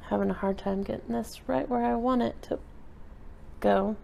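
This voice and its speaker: A woman giving a relaxed, chatty step-by-step craft tutorial while she works with her hands at a table indoors. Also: a little high, normal speed, vocal fry, slight background noise. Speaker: craft instructor.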